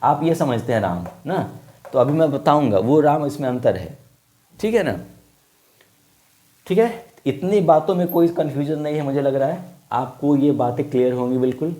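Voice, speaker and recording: A man teaching young children, speaking slowly, repeating each point and asking the class questions. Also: fairly high pitch, animated, warm tone.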